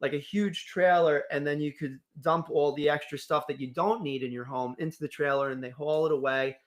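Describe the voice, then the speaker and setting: A man's voice: on the high side, steady tone, brisk. A man co-hosting a casual local morning radio show, upbeat and reading sponsor plugs with enthusiasm.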